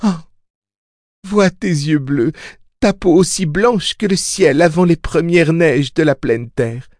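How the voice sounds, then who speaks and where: A man's voice: on the high side, slow pace, a little mellow, no room sound, clean studio sound, pitched above the performer's own voice. A man voicing a crazed new mother who croons and shrieks over her baby, in an audiobook. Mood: crooning. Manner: crooning then shrieking, breathless.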